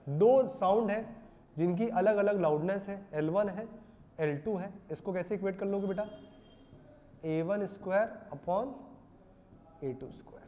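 A male physics teacher lectures a class, asking rhetorical questions and then answering them himself. His voice is mellow and dark. It rings with a long reverb, as if in a large hall. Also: sits high, measured pace, long pauses. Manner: asks rhetorical questions and repeats answers, calls students "beta".

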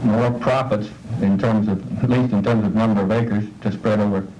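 A middle-aged man presenting an educational film on farm management, explaining in a measured way and posing questions, seated in an office. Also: fairly low pitch, fairly even intonation, warm tone, a little hiss or hum, poor audio. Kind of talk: scripted educational narration.

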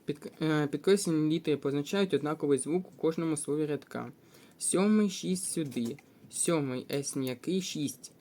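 A man's voice: on the high side, normal speed, warm tone. Methodical Ukrainian male teacher. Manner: methodical, thinking aloud with hesitations. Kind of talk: test walkthrough lesson.

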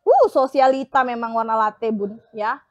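High-voiced woman doing a live sales pitch. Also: expressive, moderate pace, dry recording, highs cut off. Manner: upbeat, repetitive selling patter with pet names. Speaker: online shop live seller.

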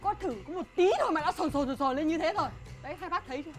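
A woman's voice: high-pitched, racing, faint music behind, lightly acted. A woman playing a sly, doting young village wife and new mother in a folk comedy film, with a coaxing, sing-song way of talking. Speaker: mother of a newborn son.

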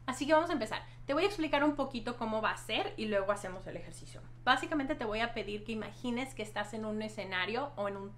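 High-voiced young woman, chatty vlogger. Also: fairly bright tone. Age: young adult. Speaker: YouTube host and hypnotherapist. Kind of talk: casual explanatory vlog to camera. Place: small decorated room at home, indoors.

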